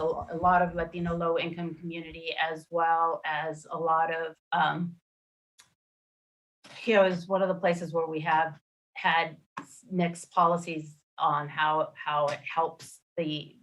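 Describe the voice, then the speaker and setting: A woman commissioner explaining a map proposal at a public meeting over a video call, halting with many fillers and restarts. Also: on the low side, a bit bright, rough recording. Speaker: redistricting commissioner.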